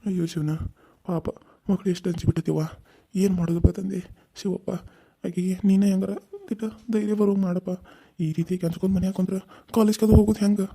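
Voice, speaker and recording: Gruff cartoon uncle, husky and dark, fast talker woman doing him. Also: medium pitch, steady tone, natural voice. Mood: comforting. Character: middle-aged village uncle, gruff and protective. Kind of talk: cartoon serial voice acting.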